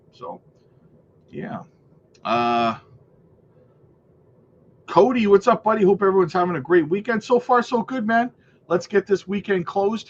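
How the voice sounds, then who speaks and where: This crypto livestream host has a stuffy cold as he cheerfully breaks down price charts and welcomes viewers, habitually throwing in "right?" and "man." His voice is on the high side, captured in lo-fi sound with a little hiss or hum.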